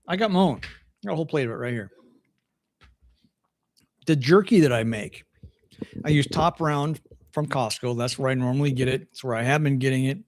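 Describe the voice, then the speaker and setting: A man's voice: a little high, no room sound, clean studio sound. An older man hosting a casual livestream chat from home, folksy and chatty, often restarting his sentences. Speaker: host.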